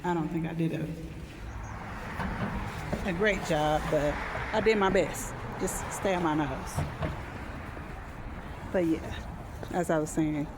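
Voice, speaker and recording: Casting: candid female walk-and-talk vlogger, unhurried and halting, casual delivery, noisy outdoor street recording. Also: sits low, steady tone. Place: outdoors, walking.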